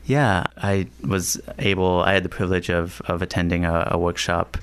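A man from Washington, D.C. talking as a composer guest in an interview, pausing and restarting phrases as he searches for words. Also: sits low, little pitch movement, slight background noise. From Washington, D.C., USA. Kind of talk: thoughtful conversational interview.

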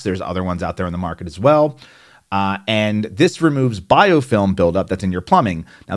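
A man with a New Jersey accent and a slightly low voice explains hot tub care steps in a casual instructional style. He's plainspoken, conversational and chatty, tossing in fillers and the occasional aside.

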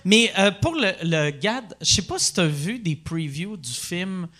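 Un homme à l'accent québécois qui pose beaucoup de questions sur un ton curieux et blagueur, dans une conversation de balado décontractée. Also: male voice, high-pitched, very animated, measured pace, sharp tone. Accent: Quebec French. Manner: curious, asks many questions, joking. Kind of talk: casual podcast conversation.

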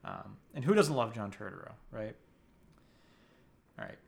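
A man hosting a casual chat about TV awards, earnest and quick to laugh, with hesitant fillers. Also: fairly low pitch, lively intonation, creaky. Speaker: podcast host.

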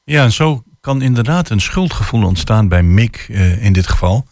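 Gravelly, low radio host. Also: male voice, lively intonation, normal speed, darkish tone, no room sound, clean studio sound. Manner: hesitant, repeats words. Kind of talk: radio interview. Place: radio studio. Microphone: studio microphone.

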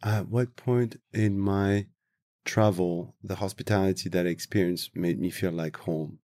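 A man from Tunisia, a travel industry guest, giving thoughtful interview answers and searching slowly for his words. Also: sits low, fairly even intonation, mellow, no echo, clean studio sound.

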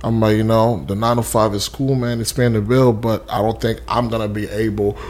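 A young man from Haiti tells his story in a relaxed interview. His voice sits fairly low, and he rambles with plenty of fillers and restarts. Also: fairly quick. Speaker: interview guest, custom suit maker. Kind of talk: casual interview.

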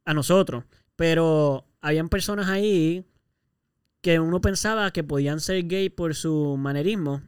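Puerto Rican man co-hosting a podcast: earnest, expressive chat, smooth resonant voice, dry close sound. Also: on the high side, unhurried, dry recording. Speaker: podcast co-host. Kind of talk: casual conversation.

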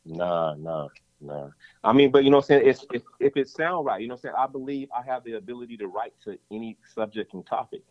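A rapper guest talks casually in an interview, rambling fast and often repeating "you know what I'm saying." His mid-range voice is expressive, and the recording has a dull, lo-fi, dry sound with no echo.

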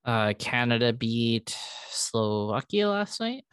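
A man's voice: medium pitch, very animated, slow pace, fairly bright tone, clean tone, dry recording. A man co-hosting a casual sports podcast, talking loosely with plenty of fillers and hedges. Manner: conversational, hedging with fillers. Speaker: podcast co-host.

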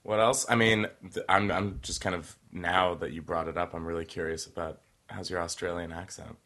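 A man's voice: sits low, steady tone, moderate pace, sharp tone. A man co-hosting a casual podcast, rambling with lots of "like" and "uh" and laughing easily. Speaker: podcast co-host. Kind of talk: casual chat.

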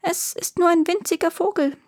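A woman voicing a small, clever boy in a storybook reading, speaking high and bright. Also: moderate pace. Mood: squeaky. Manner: high and bright, squeaky when tricking the giant.

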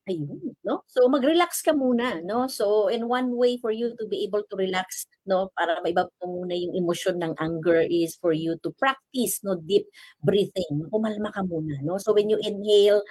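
A woman coach speaking calmly and patiently, explaining step by step and ending her phrases with a questioning "no?". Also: medium pitch, moderate pace, few pauses, dry recording, rough recording. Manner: calm, explanatory, ends phrases with "no?". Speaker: guest coach. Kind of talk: advice talk on a talk show.

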